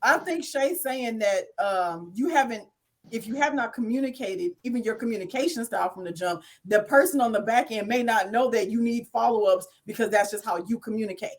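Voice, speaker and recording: A woman's voice: on the high side, a little fast. A woman co-hosting a casual group talk, telling a dating story and acting out what people said. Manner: animated storytelling, acts out quotes. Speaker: podcast co-host.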